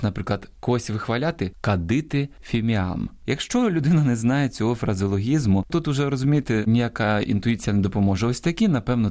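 A man from Ukraine, a language expert and textbook author, explaining usage on a radio program in a didactic way, pitching key words up as he gives example after example. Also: darkish tone. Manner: didactic, explains with examples and spelled-out stress drills. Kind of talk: educational radio talk. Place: radio studio.

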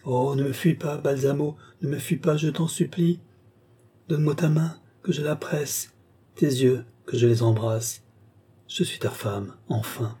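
Un homme qui lit un roman fait la voix d'une jeune femme en transe, tendre et triste, en parlant plus haut et plus doucement. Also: male voice, medium pitch, measured pace, dark tone, breathy edge, pitched above the performer's own voice. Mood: pleading. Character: young woman, tender, entranced and sorrowful.

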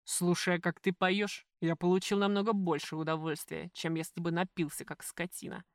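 A woman voicing a calm, sober male gangster who speaks evenly and politely. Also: on the low side, moderate pace, no room sound, studio quality, natural voice.

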